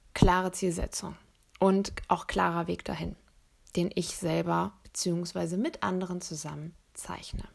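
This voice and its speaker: A woman hosting a podcast, explaining ideas in a clear, steady way and speaking directly to her listeners. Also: medium pitch. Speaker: podcast host.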